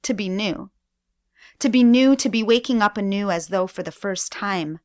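A woman guest performing spoken-word poetry on radio, with slow, deliberate delivery and dramatic pauses. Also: medium pitch, a little mellow, no room sound, studio quality. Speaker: guest poet.

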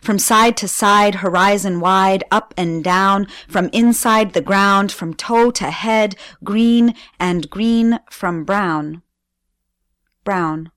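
A woman guest performing spoken-word poetry on radio, with slow, deliberate delivery and dramatic pauses. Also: medium pitch, a bit bright, no room sound. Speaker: guest poet.

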